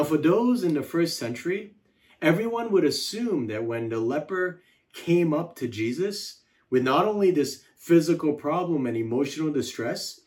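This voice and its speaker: A man giving a devotional teaching in a measured, reflective way, slowing down to list words one by one. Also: a little high, a little mellow. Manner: measured, reflective delivery with slow listed words.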